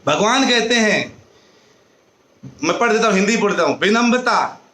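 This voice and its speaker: A man giving a devotional discourse in a high, bright voice, moving between storytelling and chanted verses. The room is echoey. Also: expressive, normal speed. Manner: tells parables and chants mantras, with a light laugh. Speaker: preacher.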